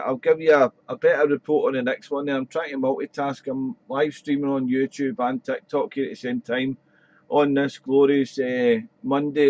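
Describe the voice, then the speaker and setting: A man's voice: medium pitch, a little mellow. A man working as an amateur radio operator on a live stream, chatting informally and repeating call signs. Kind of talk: casual ham radio chat and call-sign calling. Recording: dull, roomy streamed audio.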